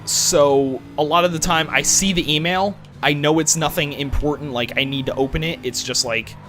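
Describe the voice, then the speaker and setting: A man's voice: on the high side, moderate pace, fairly bright tone, soft background music. A young man rambling casually as he plays through a racing game, questioning himself and swearing now and then. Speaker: gaming channel host. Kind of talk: rambling let's-play commentary.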